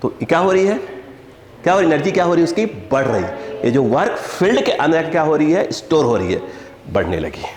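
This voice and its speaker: A man's voice: on the high side, sing-song, brisk, darkish tone. A male physics teacher lecturing a class, constantly quizzing students and scolding them with a joking edge. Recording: echoey hall, faint background hum.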